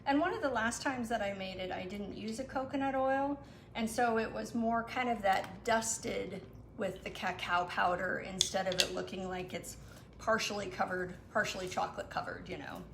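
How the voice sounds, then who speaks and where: A woman guest explaining her recipes in a relaxed, casual chat, with lots of fillers. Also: mid-range voice, normal speed, gravelly. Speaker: guest cook. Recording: echoey room with some noise.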